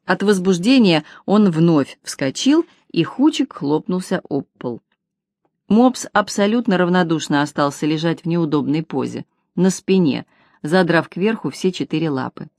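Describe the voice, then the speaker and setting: A woman narrates a novel in a brisk, ironic storytelling voice, pitched a little low. She is close on the mic, and the recording is dry with no room sound. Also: lively intonation, darkish tone, dry recording. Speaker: audiobook narrator. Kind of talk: scripted narration of a humorous detective novel.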